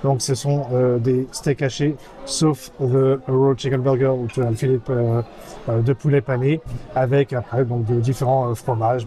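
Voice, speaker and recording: In an American-style diner, a vlog host with a mellow, medium-pitched voice reads the menu aloud, hesitating with lots of fillers. He teases his companion in a playful, affectionate way.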